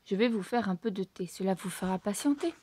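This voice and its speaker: A woman's voice: medium pitch, fairly quick, a little mellow, husky, natural voice. Woman reading as a chatty housekeeper. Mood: courteous. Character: kindly female housekeeper, chatty.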